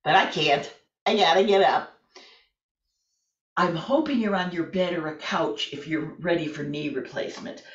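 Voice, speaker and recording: A woman in her late sixties, a fitness and yoga instructor, gently talking a class through exercises from the floor at home, chatty and self-deprecating. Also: on the low side, moderate pace, pauses often. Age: 60s. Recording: roomy, distant, slightly dull home video.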